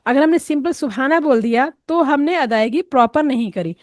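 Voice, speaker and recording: A woman gives a patient tajweed lesson, sounding out each letter slowly and slipping English words into her explanations. Her voice sits a little high. It is recorded close and dry, with no room sound. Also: animated, dry recording. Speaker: Quran recitation teacher.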